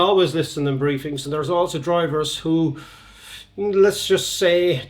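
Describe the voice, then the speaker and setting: Candid drift judge, slightly high voice. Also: male voice. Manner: candid, chatty explanation. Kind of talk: documentary interview.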